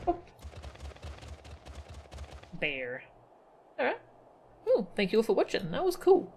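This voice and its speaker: Her voice is on the high side, pitch swooping wildly, and she speaks slowly while livestreaming a video game. She gives casual, chatty commentary and is easily delighted. Loud game music plays behind her, with slight background noise.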